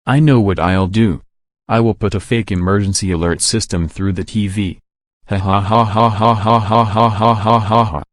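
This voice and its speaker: A computer voice of a man playing a mischievous boy prankster, with flat, stilted delivery and a long monotone laugh. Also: lowish voice, moderate pace, no room sound, clean studio sound, close to an everyday voice.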